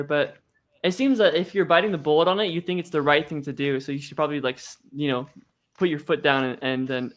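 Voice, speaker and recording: A man's voice: a little high, fairly bright tone. A man in a casual debate chat, hesitant, stammering and repeating words as he works through his point.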